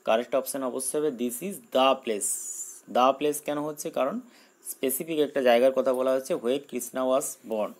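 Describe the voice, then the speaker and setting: Man, exam-prep teacher, slow careful reading, then quick explanations. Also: mid-range voice, fairly even intonation, rough recording. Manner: reads English questions slowly, explains in Bengali. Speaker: English teacher. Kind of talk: exam-prep grammar lesson.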